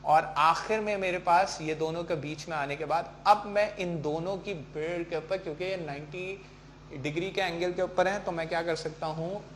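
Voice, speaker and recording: A man's voice: on the high side, a little hiss or hum. A male teacher giving a lecture. He explains patiently, asks questions and answers them himself, and keeps checking that his students follow along. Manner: mixes in English terms, keeps checking with "ठीक है". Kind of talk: classroom lecture.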